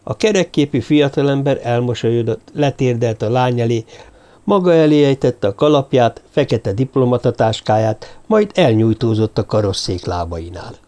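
A man narrating a novel in a steady storytelling manner. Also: medium pitch. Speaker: audiobook narrator. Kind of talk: scripted narration.

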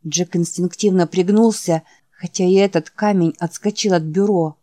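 A woman narrating an audiobook in a measured, dramatic reading style. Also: lowish voice, steady tone, mellow, dry recording.

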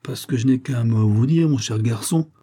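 A man voicing a guarded, patronizing middle-aged farmer who speaks slowly, in an audiobook. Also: mid-range voice, warm tone, lightly acted. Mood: wary. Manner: patronizing, slow.

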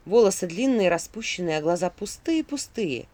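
Fairy tale audiobook reader, lively melodic reading. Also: medium pitch, normal speed, no room sound. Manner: expressive storytelling. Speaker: audiobook narrator. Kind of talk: scripted fairy-tale narration.

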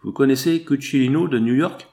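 A man's voice: mid-range voice, brisk, creaky, darkish tone, pitched above the performer's own voice, close to an everyday voice. A man voicing a composed doctor who asks pointed questions, in an audiobook. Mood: probing. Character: composed male country doctor.

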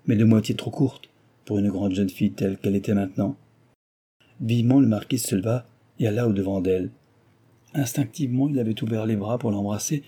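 A male audiobook narrator reading a classic novel in a measured, expressive way. His voice is low and very dark, with a husky, slightly breathy grain. The delivery stays even and storytelling-paced.

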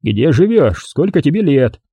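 Man reading as stern calculating officer, curt questions, dark husky voice, audiobook. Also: a little high, sing-song, unhurried, no echo, pitched above the performer's own voice, heavily acted. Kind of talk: audiobook character voice.

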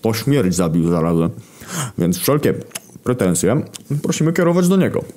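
A man voicing Famine, a calm, matter-of-fact horseman. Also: lowish voice, normal speed, pitched above the performer's own voice. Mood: dry.

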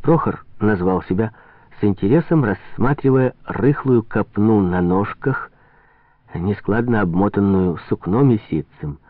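A man reading a novel aloud as an audiobook narrator, expressive and measured. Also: fairly low pitch, no echo. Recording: tinny phone-like sound, dry.

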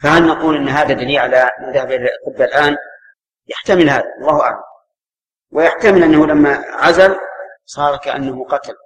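Man, scholar teaching a class, brisk delivery, voice sits a little high. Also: a bit bright, poor audio. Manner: explains the text, then asks the reader to go on. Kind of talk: spontaneous lesson commentary.

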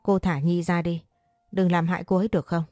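A woman voicing a calm, protective young man who soothes and pleads in a story. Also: fairly low pitch, fairly quick, no room sound, clean studio sound, soft background music, natural voice. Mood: soothing.

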